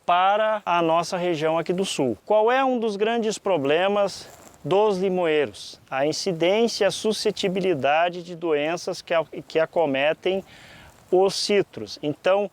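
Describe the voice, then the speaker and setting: A man from southern Brazil, with a high voice and a southern Brazilian accent, presents a fruit-growing lesson to viewers. His delivery is didactic and deliberate, with frequent pauses mid-sentence.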